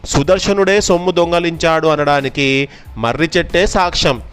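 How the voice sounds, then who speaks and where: A man voicing a scheming male merchant who loudly accuses his friend, in a raised, insistent voice. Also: fairly high pitch, moderate pace, clean tone, voice pushed up, natural voice. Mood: accusing.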